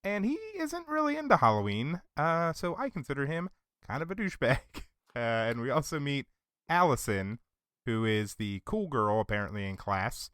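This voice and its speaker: A man's voice: medium pitch, moderate pace, no echo. Podcast co-host, man, easygoing recap voice, dry close sound. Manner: relaxed, hesitant fillers, laughs. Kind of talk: casual chat, recapping a film.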